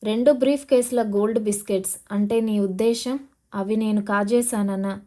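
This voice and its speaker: A woman's voice: mid-range voice, fairly even intonation, moderate pace, dark tone, natural voice. Field: cornered police officer, voiced by a woman narrator. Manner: pleading. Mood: desperate. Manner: pleading, defiant. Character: desperate male police officer feigning blindness.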